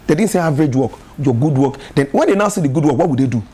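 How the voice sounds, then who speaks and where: A Nigerian man with a Nigerian English accent, a gospel artist telling lively stories as a talk-show guest, often laughing and repeating words. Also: a little high, rapid-fire, husky. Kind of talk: casual talk show conversation. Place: television studio.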